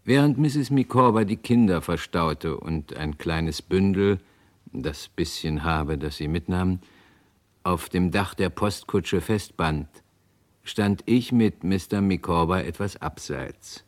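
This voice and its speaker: Male narrator for a radio play, low voice, unhurried and calm. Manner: measured, calm storytelling. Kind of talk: scripted radio drama narration.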